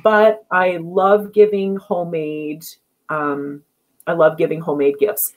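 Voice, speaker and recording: A woman's voice: lowish voice, measured pace, low-quality recording. Chatty, laughing woman guest. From Canada. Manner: chatty, laughs often, animated storytelling. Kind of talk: casual interview chat.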